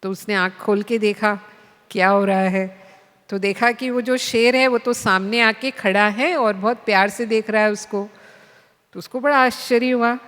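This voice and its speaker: A woman spiritual teacher telling a story in a class, in an unhurried storytelling manner. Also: mid-range voice, fairly even intonation, fairly bright tone. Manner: unhurried storytelling, voices the animals. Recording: long hall reverb.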